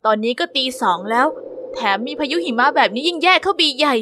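A young woman narrating an animated story in the first person, expressive and exclaiming. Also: high-pitched, quick pace, noisy background.

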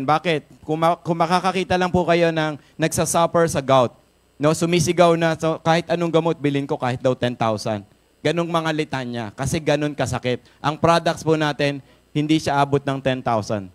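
A man with a Filipino accent giving an energetic, jokey product talk to a live audience, often asking the crowd questions. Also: a little high, moderate pace. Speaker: product seminar speaker. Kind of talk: lively sales pitch to a live audience. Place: event room with a live audience.

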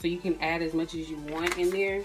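A woman's voice: fairly low pitch, fairly even intonation, brisk, over music. A woman, chatting casually as she walks viewers through a recipe in her home kitchen, recorded on a phone camera. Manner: chatty, addresses viewers as "you guys" and "y'all", frequent "um". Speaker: cooking vlogger. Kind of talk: casual cooking tutorial narration. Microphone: phone camera at the stove.

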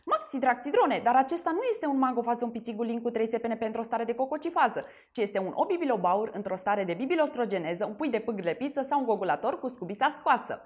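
A storybook mother with a high, bright, exclaiming voice, as a woman puts her on. She sounds fairly loud and emphatic as she corrects her son, in a playful reading. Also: expressive, hardly any pauses, natural voice.

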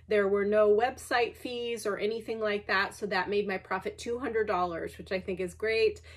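In a large, cluttered indoor workspace, a woman in her thirties who resells online chats as she packs up her sales for a vlog, using fillers and self-deprecating asides. She's a bit congested and sniffly, with a mid-range voice, fairly even intonation, and normal pace.

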